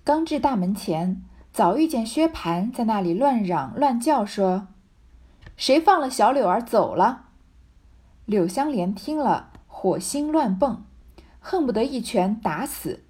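A woman narrating a classic novel in a measured storytelling way. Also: a little high, animated, dark tone, husky. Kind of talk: audiobook reading of a classic novel.

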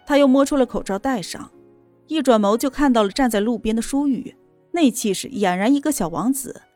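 A woman reading a romance novel aloud in a steady, even storytelling voice. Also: on the high side, a little fast, no echo, faint music behind. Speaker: narrator. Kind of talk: scripted novel narration.

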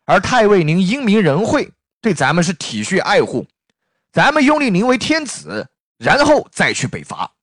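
A man voicing a plain-spoken common soldier who urges loudly, as a storyteller. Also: sits high, very animated, moderate pace, no room sound, clean studio sound, voice pushed up, full character voice. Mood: urging.

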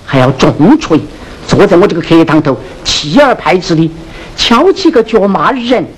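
A Sichuan opera performer playing a sharp-tongued teahouse keeper who mocks a poor scholar, scolding in a Sichuanese accent. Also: medium pitch, lively intonation, close to an everyday voice. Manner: scolding, teasing, drawn-out sing-song delivery. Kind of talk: Sichuan opera stage acting, spoken and sung. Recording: hissy old opera film soundtrack.

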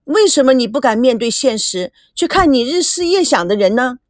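A woman's voice: high-pitched, big pitch swings, a little fast, dry recording, clean studio sound. Woman playing a headstrong teenage girl. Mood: wilful, pleading. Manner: insistent, pouting, sharp outbursts.

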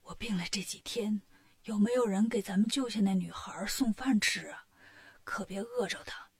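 A woman voicing a sick, weak monk master who speaks in a faint, breathy half-whisper. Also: a little high, normal speed, darkish tone, natural voice. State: ill and feverish.

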